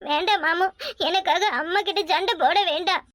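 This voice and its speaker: A woman's voice: very high-pitched, normal speed, a bit bright, no echo, clean studio sound. A woman voicing a pleading, sly young village woman in a cartoon, with a southern Tamil accent. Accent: southern Tamil, Tirunelveli. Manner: coaxing, pleading.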